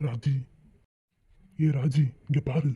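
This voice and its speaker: A middle-aged husband with an easygoing, unhurried way of talking, as a woman puts him on. The voice is pushed far down into a gruff register, with an unusual muffled timbre. The recording sounds dull and lo-fi. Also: steady tone, dark tone, no room sound, full character voice. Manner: lowered gruff put-on voice.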